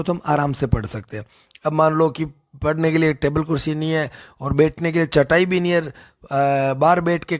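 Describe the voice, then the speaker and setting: A man teaching English vocabulary in a folksy way, repeating key phrases and slowing down to stress words. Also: a little high. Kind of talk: explanatory lesson with memory tricks.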